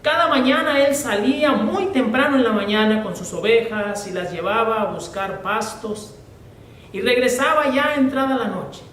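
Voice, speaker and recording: A male pastor preaches in an earnest, deliberate way, slowing down to read scripture. His voice sits high for a man and rings around a roomy church hall. The mic is well back, with a faint rumble beneath. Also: fairly bright tone. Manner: earnest, slow and deliberate when reading scripture. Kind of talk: sermon with storytelling. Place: church sanctuary. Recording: echoey church from a distant mic.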